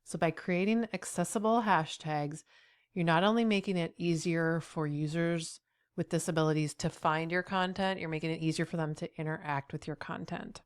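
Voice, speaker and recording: This tutorial video features a middle-aged accessibility trainer whose head cold leaves her voice slightly nasal. Her low, smooth voice holds a steady tone at normal speed as she encourages the viewer directly with frequent "right?", recorded at studio quality with no echo.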